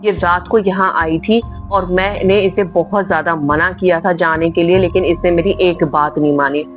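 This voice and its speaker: A woman's voice: lowish voice, fairly even intonation, normal speed, faint music behind, close to an everyday voice. A woman voicing a scared, worried young woman in a spoken horror story, talking anxiously to her friend.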